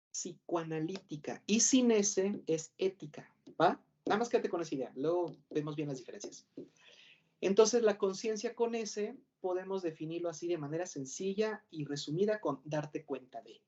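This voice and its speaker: A Mexican-accented man plays the professor in a mock lecture, with a dark, mellow tone. He rambles and stumbles over his own words, then throws rhetorical questions at the class. The recording sounds dull and lo-fi. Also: high-pitched. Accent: Mexican Spanish.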